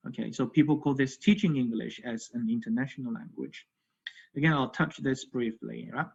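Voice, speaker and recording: A man's voice: a little high, dull audio. A man giving an academic conference lecture remotely, hesitant, with many fillers and frequent "okay" check-ins. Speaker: academic presenter. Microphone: video call.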